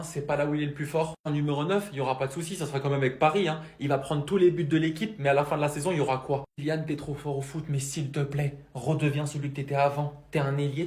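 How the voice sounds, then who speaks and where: A man with a slightly high voice gives opinionated, casual football commentary. He poses rhetorical questions, and the sound is noticeably roomy and echoey. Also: darkish tone. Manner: rhetorical, addresses players directly.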